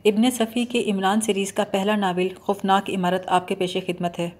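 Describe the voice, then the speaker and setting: A woman narrating a novel aloud as an audiobook reader, in a measured, expressive manner. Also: medium pitch. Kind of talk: storybook narration.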